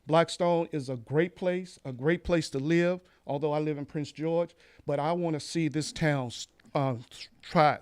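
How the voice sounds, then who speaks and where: A man's voice: a little high, darkish tone. A man, a pastor, earnestly addressing a town council meeting, repeating key phrases with some fillers. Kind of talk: public comment at council meeting.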